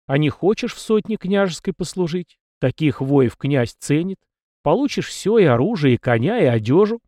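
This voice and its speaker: A man reading an audiobook, voicing a weary, guarded middle-aged centurion who asks measured, probing questions. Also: on the high side, expressive, mellow, dry recording, clean studio sound, pitched above the performer's own voice, close to an everyday voice.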